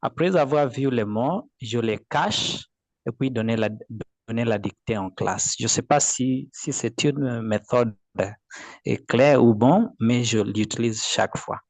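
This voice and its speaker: A man's voice: medium pitch, a little slow, a little mellow, dry recording. A man with a Kenyan accent, a teacher sharing his classroom experience over a video call, speaking carefully and hesitantly. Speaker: participating teacher.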